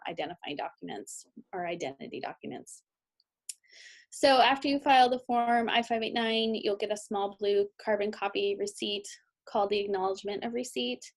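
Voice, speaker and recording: An American immigration lawyer presents training slides in an instructional yet informal way, pausing hesitantly and saying um often. She has a gravelly, mid-range voice.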